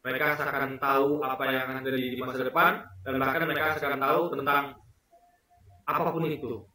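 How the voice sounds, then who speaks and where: A man's voice: medium pitch, level tone, fairly quick, sharp tone, very echoey, far from the mic, rough recording. A man in his forties from Indonesia, talking earnestly to camera in a casual vlog, stressing and repeating his points. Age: 40s. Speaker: vlogger. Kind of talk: casual spoken commentary to camera.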